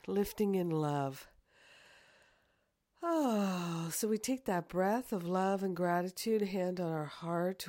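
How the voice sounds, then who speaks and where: A woman with a lowish, slightly mellow voice leads devotions as a spiritual teacher, speaking slowly in a croaky, congested tone because sinus trouble has left her hoarse. She guides a prayer with deliberate, repeated affirming phrases and long pauses, then moves on to casual announcements.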